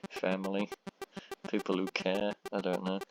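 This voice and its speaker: A man with a monotone voice giving rambling, self-deprecating commentary on his own gameplay, full of ums. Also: deep voice, poor audio. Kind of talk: casual let's-play commentary. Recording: loud background noise and keyboard clicks.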